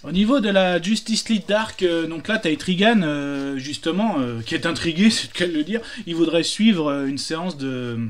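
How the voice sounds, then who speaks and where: A man's voice: fairly high pitch, moderate pace, hardly any pauses. A man telling jokes casually, hesitant, with many fillers and restarts. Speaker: joke teller.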